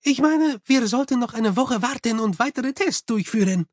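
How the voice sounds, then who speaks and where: A man's voice: extremely high pitch, lively intonation, normal speed, no echo, pitched above the performer's own voice. A man voicing a nervous young male clockmaker in an audiobook, hesitant and earnest with a dry close sound.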